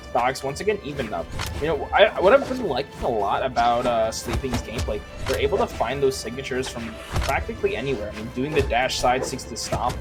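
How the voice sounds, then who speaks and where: A man doing live play-by-play as a fighting game announcer, chatty and analytical, in short stop-and-start phrases. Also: mid-range voice. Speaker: esports match commentator. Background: music playing behind the voice.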